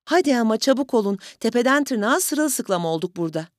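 A woman voicing a suspicious, sharp-tongued mother who answers in curt, cold, clipped lines. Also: a little high, animated, a little fast, no echo, clean studio sound, voice pushed up, natural voice.

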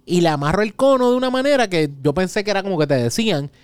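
A Puerto Rican man in his thirties, a podcast host, telling a story in casual chat and acting out his own shouts. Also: sits high, animated, fast talker, smooth, dry recording. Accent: Puerto Rican Spanish.

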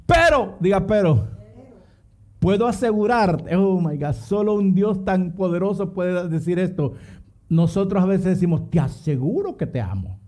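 A man's voice: sits high, measured pace, warm tone. A man preaching a fervent sermon, calling on his listeners to repeat phrases after him and dropping in English exclamations.

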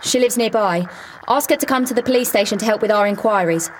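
A woman's voice: on the high side, fast talker, a little hiss or hum, lightly acted, rough recording. An actress playing an earnest young policewoman, asking question after question. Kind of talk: radio drama acting.

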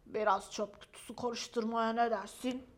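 A woman voicing a gruff, laid-back male dog with a lowered voice. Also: fairly even intonation, a little slow, lightly acted. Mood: casual.

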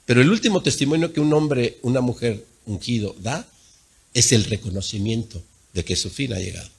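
A male pastor delivering a sermon, swinging between loud emphatic peaks and low quiet asides. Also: fairly quick, vocal fry, husky.

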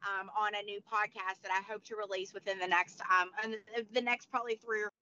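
A woman's voice: medium pitch, fairly even intonation, fairly quick, pushed and bright, slight background noise. A woman in her forties who is losing her voice, chatting as an interview guest with many fillers and restarts. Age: 40s. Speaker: guest, motivational speaker. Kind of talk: casual interview chat. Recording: dull lo-fi sound.

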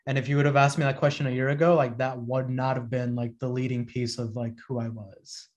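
A man's voice: medium pitch, flat delivery, a little fast, a little mellow, highs cut off. A man in his thirties, a podcast guest, talking in a reflective, rambling way full of fillers and restarts. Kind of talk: casual conversation.

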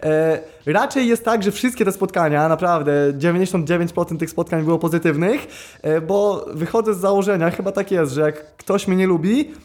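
A man's voice: high-pitched, normal speed, darkish tone. A young man talking casually as a podcast guest, hesitant, with many fillers and restarts. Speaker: YouTuber and streamer, podcast guest. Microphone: podcast studio mic.

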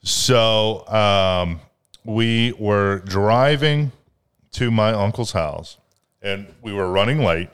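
A man's voice: on the low side, slow, smooth. A man in his twenties on a podcast, casually telling a long story with plenty of swearing and rambling asides. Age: 20s. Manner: profane, rambling, animated retelling. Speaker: podcast co-host.

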